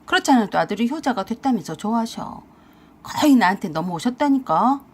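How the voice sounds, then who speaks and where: A woman's voice: on the high side, animated, brisk, darkish tone, slightly rough. A woman voicing a lazy, scheming husband who wheedles and defends himself in a radio-drama story reading. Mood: wheedling.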